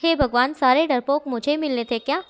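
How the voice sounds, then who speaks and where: A woman reading out a hot-headed young man in a storybook reading, blunt and easily exasperated. The voice sits high. Plain, everyday delivery. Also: fairly quick, lightly acted. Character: bold, hot-headed young male student.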